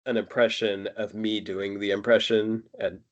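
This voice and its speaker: A man's voice: on the low side, flat delivery, moderate pace, highs cut off. A man co-hosting a casual album review chat, rambling with fillers. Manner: chatty, lots of fillers and laughs. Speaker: podcast co-host.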